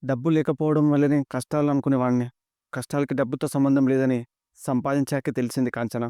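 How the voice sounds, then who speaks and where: A man's voice: medium pitch, level tone, fast talker, warm tone, clear, resonant tone, dry recording, clean studio sound, close to an everyday voice. A man reading as a heartbroken old grandfather. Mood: anguished. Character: worried elderly grandfather, weary and heartbroken.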